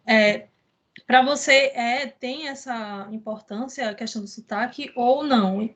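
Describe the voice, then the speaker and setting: A woman hosting a casual conversation, rambling along and often ending her points with quick tag questions. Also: on the high side, a bit bright. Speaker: host.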